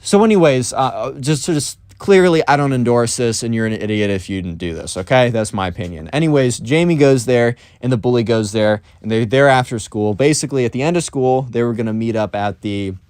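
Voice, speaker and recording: A man's voice: mid-range voice, a little fast, hardly any pauses, darkish tone, clear, resonant tone, no echo. Rambling young storytelling man, dry sound. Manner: rambling, filler-heavy. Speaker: storytime YouTuber. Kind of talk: casual storytime vlog.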